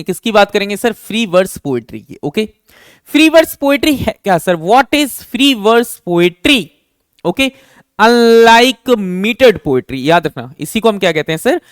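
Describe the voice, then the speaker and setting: A male teacher giving an exam-prep lesson that mixes Hindi and English. He asks himself questions and answers them, repeating key terms slowly. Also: sits high, fairly bright tone, clear, resonant tone, dry recording, studio quality.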